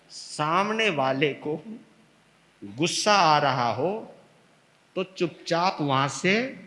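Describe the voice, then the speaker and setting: A high, animated male monk delivering a slow, unhurried sermon. He swings from loud outbursts to soft asides as he acts out quarrels, and a long reverb hangs behind him. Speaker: Jain monk giving a discourse.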